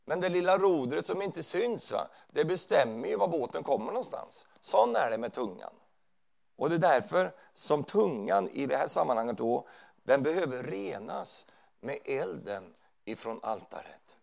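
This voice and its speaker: His pitch is fairly high, his voice gravelly, and his intonation lively. Preaching in a church hall, he talks conversationally and regularly checks in with the listeners using tag questions.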